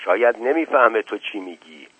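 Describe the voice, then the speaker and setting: A man's voice: on the low side, animated, slightly rough, dry recording. A man voicing a scornful, grumbling village man, heard on a tinny radio recording.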